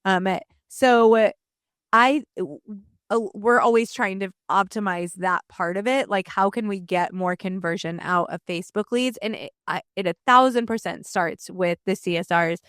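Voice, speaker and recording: Lady host chatting casually, smooth clear tone, lots of ums. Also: mid-range voice, a little slow, no room sound, studio quality. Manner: warm, chatty, many fillers. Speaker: podcast host. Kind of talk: casual interview chat.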